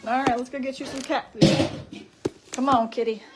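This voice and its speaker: Woman, high voice, chatty, sing-song with animals, outdoors on a farm, noisy phone recording. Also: fairly even intonation, normal speed. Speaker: farm livestreamer. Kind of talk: casual livestream chat while doing chores.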